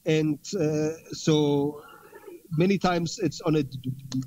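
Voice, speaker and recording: A man's voice: a little high, slow, warm tone, a little hiss or hum, low-quality recording. A man speaking as a guest in an interview conversation, earnest and repeating words for emphasis.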